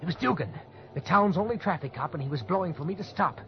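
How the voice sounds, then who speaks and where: Fast and animated, with a slightly high voice, an actor plays a desperate young man tensely narrating his cover-up, old radio suspense style, and stammering when pressed. The dull old recording has loud music and a little hiss or hum.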